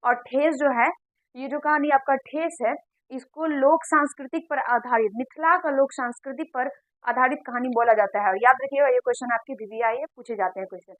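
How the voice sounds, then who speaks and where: High-voiced woman teacher. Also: fairly quick, no echo, rough recording. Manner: repeats questions and answers to drill points. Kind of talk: exam-prep lesson.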